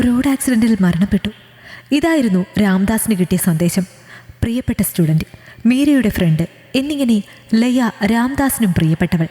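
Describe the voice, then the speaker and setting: Mellow-voiced woman storyteller in an echoey room. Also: mid-range voice. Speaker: story narrator. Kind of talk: scripted story narration. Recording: echoey room with long reverb.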